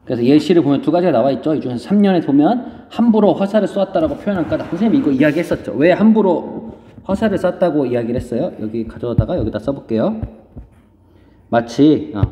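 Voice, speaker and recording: A male teacher giving an online lecture, explaining step by step with fillers, pausing as he writes notes. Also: on the high side, animated, mellow. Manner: explains slowly while writing, frequent fillers. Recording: dull lo-fi audio, long reverb, faint noise.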